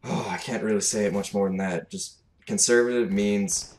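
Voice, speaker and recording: A man's voice: fairly low pitch, steady tone, moderate pace. A seventeen-year-old young man with a Canadian accent, giving a casual, off-the-cuff commentary rant in a blunt, fed-up, sweary manner. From Alberta, Canada. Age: 17, teenager. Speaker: gaming commentator. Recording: clearly noisy home recording.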